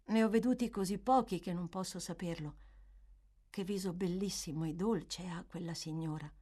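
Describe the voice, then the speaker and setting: A woman reading aloud, voicing a frail, timid young boy who speaks softly and hesitantly. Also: on the low side, moderate pace, slightly rough. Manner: soft, hesitant, wondering.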